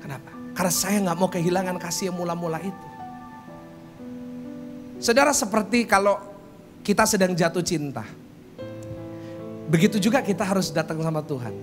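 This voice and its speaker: A man's voice: high-pitched, normal speed, long pauses. A male pastor preaching a humorous church sermon, telling jokey stories and acting out quotes. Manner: animated joking storytelling, acts out quotes. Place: church service. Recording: sermon with guitar music underneath. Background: guitar music.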